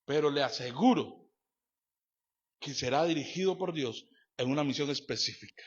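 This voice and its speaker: A husky, fairly high-pitched pastor preaches at a moderate pace, emphatic and repetitive, swinging from loud declarations to quiet asides. He speaks right to the congregation with rhetorical questions, captured in a dull lo-fi church recording.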